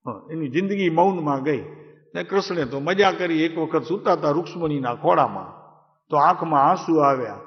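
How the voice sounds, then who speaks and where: A man giving a devotional talk to a gathering, in a conversational manner, asking listeners questions and calling on them by name. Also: fairly high pitch. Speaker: spiritual teacher. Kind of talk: devotional discourse to a live gathering. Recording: echoey hall, dull lo-fi sound.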